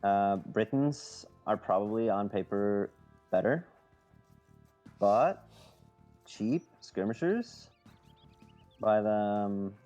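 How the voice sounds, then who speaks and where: A man co-commentates a strategy game match in a low, dark, mellow voice. He speaks in a relaxed way and hesitates often with fillers. Faint game music sits behind him. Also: slow, long pauses, lo-fi sound. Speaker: co-caster. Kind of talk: esports commentary.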